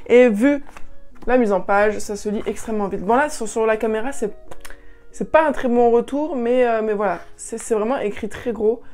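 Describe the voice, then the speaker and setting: A woman book vlogger talking casually through her monthly reading wrap-up, pausing with many fillers and restarts. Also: mid-range voice, darkish tone.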